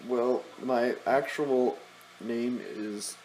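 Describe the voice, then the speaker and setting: A man's voice: medium pitch, steady tone, very slow. A man co-hosting a podcast, trading silly absurd jokes in improvised banter and stumbling playfully over words. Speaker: podcast co-host. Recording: roomy echo with faint noise.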